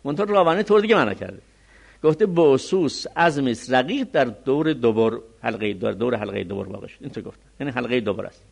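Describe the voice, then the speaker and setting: Male seminary teacher, mid-pitched, animated intonation, alternates slow reading with quick commentary. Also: vocal fry, breathy edge. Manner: reads Arabic text slowly, then explains it quickly. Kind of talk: religious law lecture.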